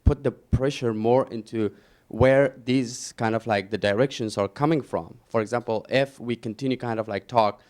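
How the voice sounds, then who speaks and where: An audience member at a panel talks at length in a medium-pitched, slightly mellow male voice at normal speed. He rambles, packing his speech with fillers like "kind of" and "like."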